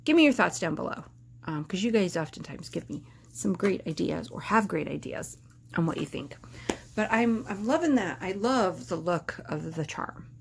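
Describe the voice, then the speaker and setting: A woman's voice: on the low side, lively intonation, normal speed, gravelly, a little hiss or hum. A woman vlogging casually to camera, rambling and hesitant, with lots of filler words and restarts.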